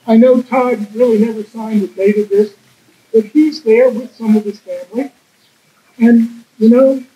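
A woman organizer giving relaxed, self-joking closing remarks to a crowd outdoors. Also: on the high side, dull audio. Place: outdoor park plaza.

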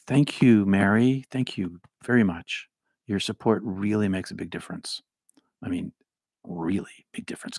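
A man's voice: deep voice, breathy edge, no room sound, clean studio sound. A middle-aged man from the Boston area, once a minister, hosting a live stream in a rambling, chatty way and thanking viewers by name. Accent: trained-out Boston, mostly neutral American. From Boston area, United States. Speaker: livestream host and former minister. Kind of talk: casual livestream chat.

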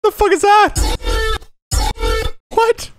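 A music producer whose own laughs and yelps are pitched far up into a chipmunk voice. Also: male voice, fairly even intonation, very slow. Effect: sped-up, pitched-up chipmunk voice. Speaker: music producer making a beat from his own voice. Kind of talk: casual studio chat. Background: loud electronic music.

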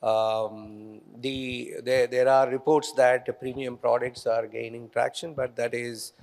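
A middle-aged man, a company executive speaking as the guest on a conference stage, measured and hesitant, with many fillers, into a handheld mic. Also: mid-range voice, flat delivery, gravelly, darkish tone. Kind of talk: onstage conference conversation. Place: large conference hall stage.

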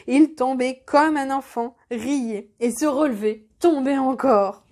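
Brief: female storyteller, high-pitched, measured expressive reading of a children's tale.

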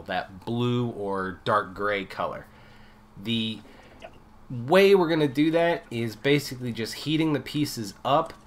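A man with a stuffy, nasal voice from a cold narrates his metalwork build in a relaxed, unscripted way, pausing and restarting as he explains. His pitch sits in the middle range. Grinding and tool noise from the shop runs clearly behind him. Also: poor audio. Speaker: metal fabrication channel host.

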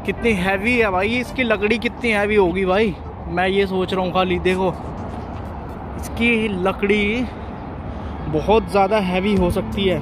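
A chatty man with a high-pitched voice vlogs as he walks around outdoors and keeps calling his viewers brother. He sounds a little tired from walking. Music plays clearly beneath his voice, recorded on a handheld camera. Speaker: vlogger. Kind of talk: casual walking vlog. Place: outdoors on city streets. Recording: music playing over voice.

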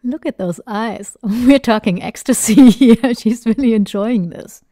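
Lady parrot trainer explaining her bird's progress, warm low-key tone, dry sound. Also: a little slow, no room sound. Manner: chatty and enthusiastic, with small fillers. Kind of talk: instructional voice-over narration.

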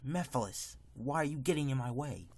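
A man's voice: medium pitch, expressive, brisk, breathy edge. Man acting out Silver the Hedgehog, defiant young hero. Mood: combative. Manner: dramatic, declamatory. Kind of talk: amateur video game character acting.

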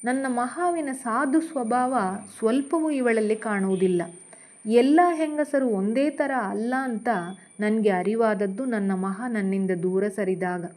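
Slow, gentle woman storyteller. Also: a little high. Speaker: storyteller and author. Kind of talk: reading her own short story aloud.

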